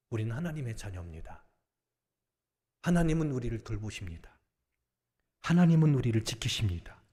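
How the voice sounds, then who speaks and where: A middle-aged man, a senior pastor, preaching a sermon with emphatic swings between loud exhortation and hushed near-whispers. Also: medium pitch. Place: large church sanctuary. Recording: long reverb of a church sanctuary.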